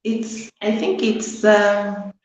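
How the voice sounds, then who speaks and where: A woman's voice: mid-range voice, level tone, very slow. Hesitant woman in an echoey room. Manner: hesitant, tentative answers with "um". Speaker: student answering quiz questions. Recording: very echoey room sound, distant.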